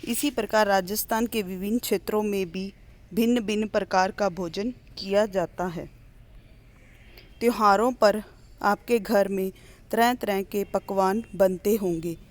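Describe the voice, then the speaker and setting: A woman teacher, reading a primary school lesson aloud slowly and clearly, pausing between the items of each list. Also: mid-range voice. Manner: slow, clear classroom reading with list-like pauses.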